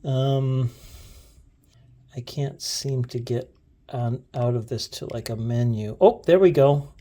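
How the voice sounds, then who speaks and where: A gadget video host with a relaxed, mellow, average-pitched voice talks through a demo. He's casual and unscripted, frequently pausing and starting over as he thinks aloud while fiddling with things.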